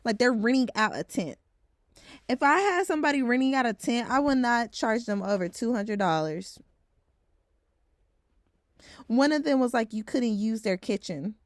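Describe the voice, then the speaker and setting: A woman's voice: on the high side, lively intonation, normal speed, pauses often, dry recording, studio quality. Blunt young woman vlogging casually. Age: around 20. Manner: blunt, frank, with swearing; heavy use of filler "like". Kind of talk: casual vlog chat.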